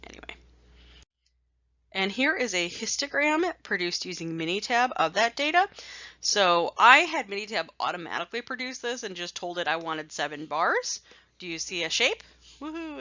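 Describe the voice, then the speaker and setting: A woman's voice: medium pitch, bright, forceful tone, no room sound, dull audio. Chatty woman lecturing on statistics. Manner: chatty, self-mocking, bursts of "woohoo" between slides. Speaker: statistics instructor. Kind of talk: recorded lecture over slides.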